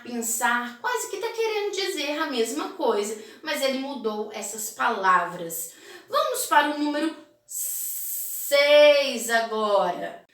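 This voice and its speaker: A Brazilian woman teacher correcting exercises in a recorded class for children, slow and encouraging, in a sing-song manner. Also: sits high, sharp tone. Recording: echoey room, mic at a distance.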